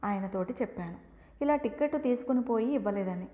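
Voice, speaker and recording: A woman reading a story aloud, telling it in an expressive first-person way. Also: on the high side, quick pace. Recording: echoey room with long reverb.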